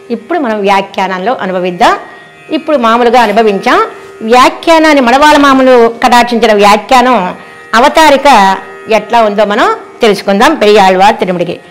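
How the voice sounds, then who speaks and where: A woman giving a devotional discourse, telling stories with rhetorical questions and fond exclamations. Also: on the high side. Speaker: religious discourse speaker.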